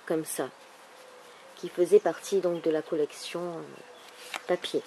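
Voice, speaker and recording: A woman with a thick, swollen-tonsils sore-throat voice, speaking softly and casually as she presents a craft project. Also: on the low side, level tone, a little slow. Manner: soft-spoken, holding back volume. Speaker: craft video maker presenting an album. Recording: clearly noisy background ambience.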